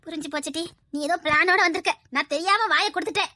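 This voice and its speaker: A woman's voice: extremely high pitch, quick pace, pushed and bright, no echo, studio quality. A woman playing a scheming mother-in-law who scolds her son, in a Tirunelveli Tamil accent. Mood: defensive. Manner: sly, scolding.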